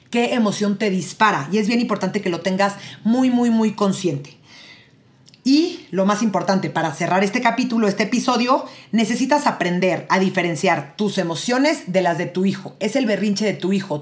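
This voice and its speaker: A woman hosting an episode on emotional parenting, speaking straight to the listeners and often checking in with them. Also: medium pitch. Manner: addresses listeners directly, often ends with tag questions. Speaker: host and parenting educator. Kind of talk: educational talk to parents.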